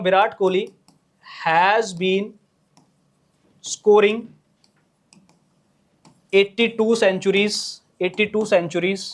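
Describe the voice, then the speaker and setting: A man teaching an English grammar lesson in Hindi, repeating each point and often checking whether the viewers, whom he calls friends, have understood. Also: high voice. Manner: repetitive, checks in with "clear hai na?"; slows down while writing examples.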